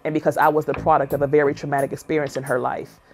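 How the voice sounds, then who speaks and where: A woman's voice: deep voice, flat delivery, racing, faint music behind. A woman narrating her own life story as a personal testimony, earnest and emotional in a plainspoken way. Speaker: memoir narrator.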